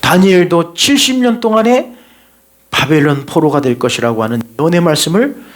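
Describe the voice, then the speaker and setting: Pastor, male, slightly high-pitched voice, earnest exhorting sermon delivery in a church service. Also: animated, normal speed. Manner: earnest exhorting preacher with rhetorical questions. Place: church sanctuary during a live service.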